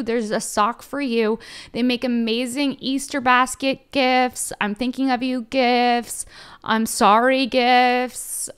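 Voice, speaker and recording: A woman's voice: a little high, a bit bright, clear, resonant tone. A young woman hosting a podcast, reading her intro and a sponsor ad in a playful, jokey, upbeat way. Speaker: podcast host.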